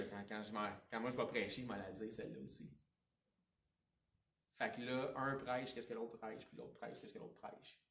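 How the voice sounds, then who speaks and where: Quebec pastor preaching in an echoey hall. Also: male voice, mid-range voice, far from the mic, slight background noise. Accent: Quebec French. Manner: animated preaching, swinging between emphatic and hushed. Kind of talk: sermon. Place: church sanctuary.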